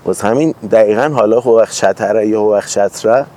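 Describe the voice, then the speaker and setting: Relaxed man with a Tehran accent. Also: on the low side. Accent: Tehran Persian. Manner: relaxed, thoughtful, explains with examples. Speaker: host. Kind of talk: casual conversation.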